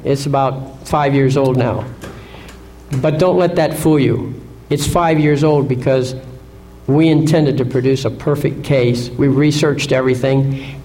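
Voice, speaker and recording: Heard through poor audio, a man with a mid-range, darkish voice addresses a seminar audience. He's assertive, leaning on rhetorical questions and frequently asking "Okay?"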